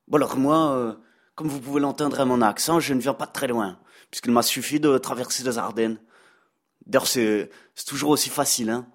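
A man's voice: fairly high pitch, slightly rough. A man doing a teasing Belgian teacher. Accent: Belgian French. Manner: teasing, sarcastic, peppered with "hein". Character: male Belgian French teacher, mocking and gossipy. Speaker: comic columnist. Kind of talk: comic radio editorial.

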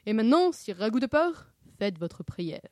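A woman voicing a goofy, cowardly young man in a storybook reading, loud and excitable. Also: normal speed, no echo, studio quality. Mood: playful, bold. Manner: loud, excitable, shrill when scared. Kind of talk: storybook read-aloud.

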